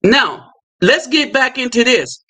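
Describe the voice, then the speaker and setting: A man hosting a live stream, talking casually in quick bursts with asides and fillers. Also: extremely high pitch, sing-song, pushed and bright. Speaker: livestream host.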